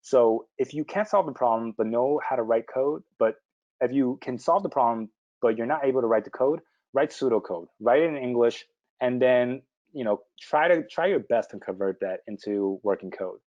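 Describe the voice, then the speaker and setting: A man presenting a live webinar, answering viewer questions quickly and informally, with frequent fillers and restarts. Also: medium pitch, a little mellow, muffled recording.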